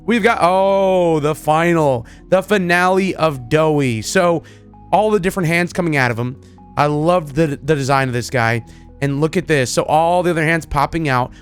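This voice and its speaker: Faint background music accompanies a man making gaming videos, his slightly high voice carrying informal, enthusiastic chatter. He drifts freely from one thought to another.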